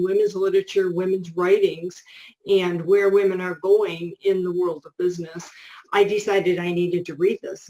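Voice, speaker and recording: A middle-aged woman co-hosting a relaxed book chat. She talks at an easy, everyday pitch and keeps looping back with restarts and little asides. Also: lo-fi sound. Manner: chatty, frequent restarts and asides. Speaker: co-host. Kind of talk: casual chat about books.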